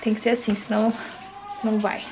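A woman's voice: medium pitch, little pitch movement, fairly quick, a little mellow, slight background noise. A young woman from Brazil chatting casually to the camera in a home vlog, still out of breath after the gym. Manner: chatty, talks to camera and coos to her baby. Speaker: vlogger.

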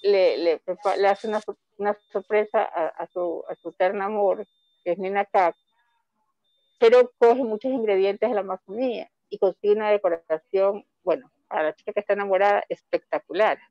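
A woman's voice: mid-range voice, normal speed, dark tone. A woman author from Ecuador talks about her comics in a loose, rambling way, often breaking off and starting again. The sound is dull and lo-fi. The room is very dry, with no echo. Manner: chatty, rambling with many restarts. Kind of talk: online book fair presentation.

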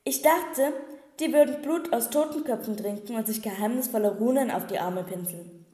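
Lady reading as a snarky little demon guy, gossipy and mocking, kinda high, echoey room. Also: moderate pace, warm tone, lightly acted. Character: cheeky little male gargoyle demon, snarky. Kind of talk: audiobook reading. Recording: echoey room with long reverb.

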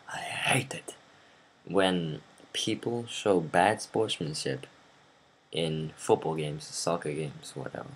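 A man's voice: sits low, slight background noise. A teenage boy ranting casually to his camera as a vlogger, rambling with lots of ums and false starts. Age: teens.

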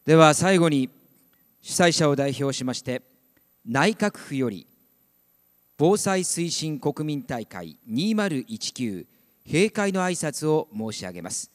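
A man acting as master of ceremonies, announcing speakers in a bright, projected way. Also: a little high, sing-song, slow pace. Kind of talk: event emceeing. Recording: long hall reverb.

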